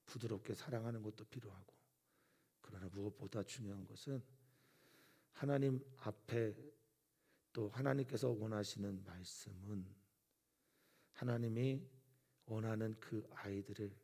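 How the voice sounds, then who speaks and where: A man, a pastor, preaching an earnest dawn service sermon, often dropping to a soft whisper for emphasis. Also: fairly low pitch, breathy edge.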